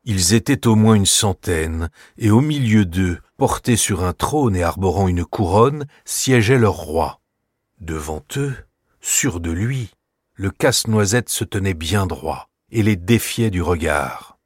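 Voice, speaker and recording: A man narrates a storybook in a calm, measured way. His voice sits low and a bit husky. The sound is close and dry. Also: dry recording.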